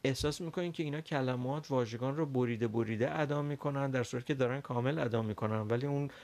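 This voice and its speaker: Gravelly-voiced man teaching a language lesson. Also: medium pitch, darkish tone. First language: Persian. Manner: explains carefully with many pauses and fillers, models English words slowly. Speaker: English teacher.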